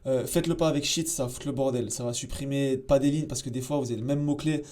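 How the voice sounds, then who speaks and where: A man hosting a casual screen-share tutorial, chatty and slangy, with frequent fillers and asides while he clicks through software. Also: mid-range voice, steady tone, fast talker. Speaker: SEO tutorial host.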